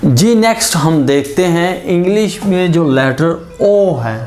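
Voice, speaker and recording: An English pronunciation teacher giving a lesson and drawing out each example word slowly. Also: medium pitch, expressive, a little mellow. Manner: drawn-out example words, explained in Hindi-Urdu.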